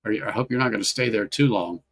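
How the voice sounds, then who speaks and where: A man's voice: lowish voice, fast, fairly bright tone. A man hosting a casual whiskey-tasting livestream, rambling, repeating himself and greeting chat viewers by name.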